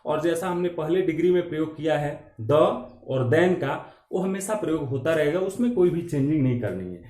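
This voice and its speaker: A man teaching an English grammar lesson in Hindi, explaining slowly and repeating key terms. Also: fairly high pitch, expressive, mellow. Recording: echoey room.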